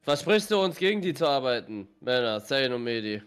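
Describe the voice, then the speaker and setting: A man's voice: mid-range voice, sing-song, brisk, a bit bright, smooth. A young man in a party game urging his teammates to gang up on a rival, repeating his plan. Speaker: gaming co-player. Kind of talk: multiplayer gaming chat.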